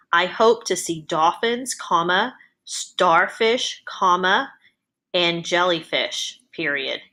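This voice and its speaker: A woman dictating text deliberately for voice typing, phrase by phrase in measured sentences. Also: lowish voice, bright, forceful tone. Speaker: educator giving a software tutorial. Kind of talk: dictating to voice typing, measured, with punctuation spoken aloud.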